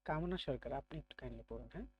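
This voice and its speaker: Brief: male language teacher, patient and encouraging, explains slowly, mid-pitched voice. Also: lively intonation, lo-fi sound, slight background noise. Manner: patient, praising, explains pronunciation step by step. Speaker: German teacher. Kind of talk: online class, calling on students.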